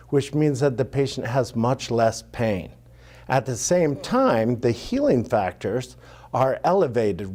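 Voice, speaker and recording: A man's voice: mid-range voice, mellow. A man explaining a wound-healing gel in plain, informal terms. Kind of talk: explanatory interview.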